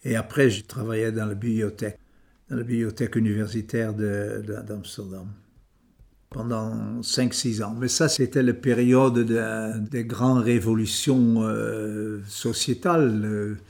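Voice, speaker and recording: Hesitant older Dutch man, slow and flat. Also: on the low side, vocal fry. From Netherlands. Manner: hesitant, many restarts and repeated words. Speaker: interviewee. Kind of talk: reminiscing interview.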